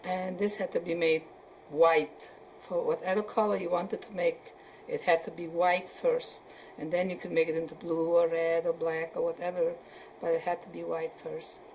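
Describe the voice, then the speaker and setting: A woman in her seventies from Poland, answering questions in an oral history interview and often pausing to search for words. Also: fairly low pitch, level tone, a little mellow, a little hiss or hum, poor audio. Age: 70s. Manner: hesitant, searching for words with many fillers.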